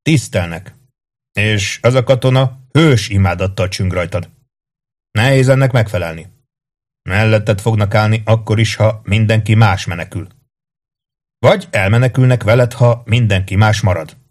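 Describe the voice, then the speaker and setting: A man voicing a seasoned male legionary who gives measured, steady advice. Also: on the low side, lightly acted. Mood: calm. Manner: measured, advising.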